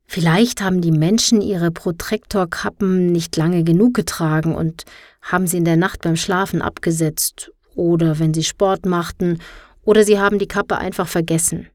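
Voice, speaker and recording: A woman's voice: on the low side, steady tone, moderate pace, no room sound, studio quality, natural voice. A woman reading aloud, voicing a shy, touchy schoolgirl in a story. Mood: unsure. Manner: hesitant, soft.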